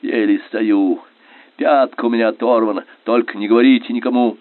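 Man reading as a wounded naval lieutenant, shouting commands, desperate, tinny narrow-band sound, dry. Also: medium pitch, fairly even intonation, brisk, no room sound, natural voice. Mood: exhausted.

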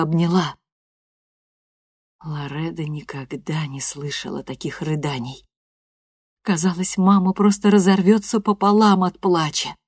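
Low, husky woman narrator, calm storyteller, dry close studio mic. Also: no room sound. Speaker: audiobook narrator. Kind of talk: scripted narration.

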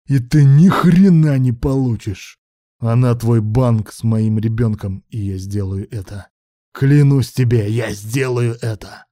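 A man's voice: lowish voice, brisk, mellow, dry recording, clean studio sound, natural voice. A man voicing a desperate young man who speaks tensely and with defiance. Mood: defiant.

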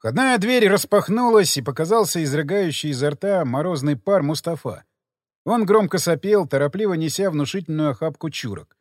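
A man narrating an audiobook in scripted, expressive storytelling. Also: fairly high pitch, moderate pace. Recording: dry close mic with long added reverb.

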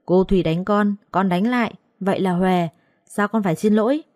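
A woman's voice: mid-range voice, normal speed, a little mellow, no echo, studio quality, lightly acted. Woman as a defiant young servant girl. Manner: defiant, mocking.

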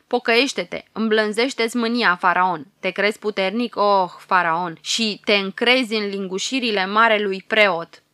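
A woman reads as an old prophet crying out a curse, loud and solemn, his lament ringing bright and sharp. The sound is dry and close, like a storybook recording. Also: medium pitch, hardly any pauses, smooth, no room sound, close to an everyday voice. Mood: lamenting doom. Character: old male prophet, wailing doom.

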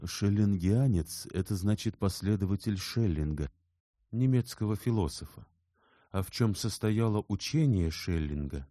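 A bashful young scholar explains himself in a careful, mild voice, as a male reader plays him, only slightly above the reader's own pitch, with a lively lilt. The sound is dry and close. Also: moderate pace, no echo. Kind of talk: audiobook character reading.

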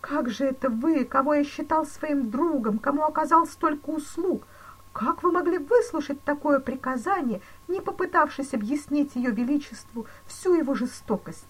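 A woman voicing a terrified male banker who pleads in shrill, panicky exclamations in a storybook reading. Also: normal speed, close to an everyday voice, poor audio. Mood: panicked.

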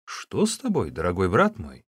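A man voicing a burly innkeeper who leads a bandit gang, speaking in a raised, brisk voice. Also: fairly low pitch, wildly swooping pitch, a bit bright, no echo, clean studio sound, heavily acted. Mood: concerned.

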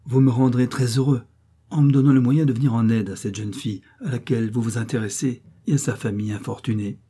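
A man reading the part of a rich, kind-hearted gentleman who speaks in an earnest, courteous way. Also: medium pitch, steady tone, a little fast, husky, close to an everyday voice.

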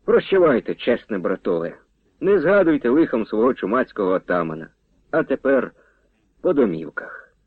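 A man's voice: medium pitch, big pitch swings, slightly rough, no room sound. A man as a dignified caravan leader. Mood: solemn. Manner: dignified, measured. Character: solemn male caravan leader addressing his men. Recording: tinny dry radio recording.

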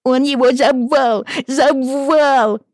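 A woman voicing a small girl wailing and sobbing in panic, with high drawn-out cries. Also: level tone, dark tone, no room sound, clean studio sound. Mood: sobbing, panicked.

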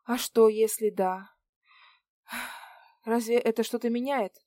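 Woman reads young idealist heroine, calm and firm, dry close read. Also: a little high, slow pace, dry recording. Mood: breathless, teasing.

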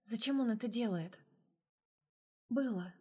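A woman's voice: mid-range voice, moderate pace, darkish tone. A woman narrating a first-person romance audiobook in a wry, dry tone.

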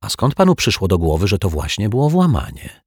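A man reading a children's detective story, voicing a calm, clever detective who sets out his deductions in a measured way. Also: fairly low pitch, husky, no room sound, clean studio sound, voice pushed up. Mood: reasoning.

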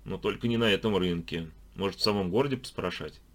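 A man's voice: low-pitched, fast, a bit bright. A man voicing a knowing, talkative old man in an audiobook, explaining things in a folksy, chatty way. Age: older. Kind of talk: audiobook character voice.

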